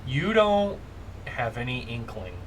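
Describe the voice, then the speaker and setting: A man's voice: medium pitch, sing-song, slow, slight background noise, poor audio. A man improvising casual narration as game master of a tabletop role-playing game.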